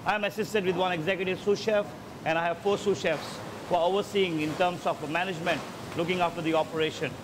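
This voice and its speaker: An executive chef gives a casual tour of his ship's galley kitchen, often repeating words while he gathers his thoughts. His voice is a little high, and there's background noise.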